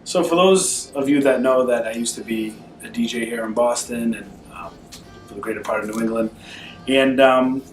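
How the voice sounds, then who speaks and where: A man answering questions as a guest in a casual couple Q&A at home, relaxed and easygoing in his phrasing. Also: mid-range voice, moderate pace, faint music behind. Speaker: guest husband. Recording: roomy, distant camera sound.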